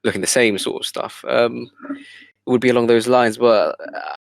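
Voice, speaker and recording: A man's voice: mid-range voice, normal speed, creaky, no room sound. A man in a casual podcast chat, speaking hesitantly with many fillers and restarts.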